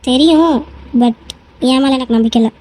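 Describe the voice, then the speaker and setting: A woman's voice: high voice, moderate pace, darkish tone. A woman dubbing a fussy, tearful young wife in a cartoon, talking in a pleading, insistent way. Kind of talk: cartoon voice dub.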